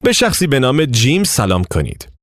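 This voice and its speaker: A man narrating a language lesson, giving clear step-by-step instructions. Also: mid-range voice, very animated, dry recording, studio quality. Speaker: language teacher.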